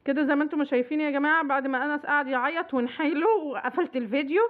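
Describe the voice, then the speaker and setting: A woman's voice: high-pitched, very fast, phone-quality sound. A woman with an Egyptian Arabic accent, a mother hosting a family vlog and running a game with children, coaxing and cheerful, often laughing as she urges them on.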